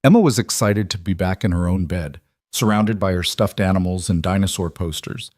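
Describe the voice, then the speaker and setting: A man reading a scripted story aloud in an even, measured way. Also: sits low, dry recording, clean studio sound. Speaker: narrator. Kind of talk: scripted audiobook narration.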